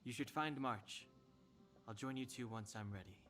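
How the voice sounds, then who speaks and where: A man's voice: mid-range voice, normal speed, music in the background, lightly acted. A man voicing a reserved, matter-of-fact young man in a video game. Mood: calm.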